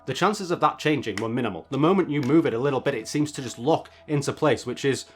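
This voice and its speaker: A man's voice: mid-range voice, animated, fast. A man presenting a product review in a casual, chatty narration with wry asides.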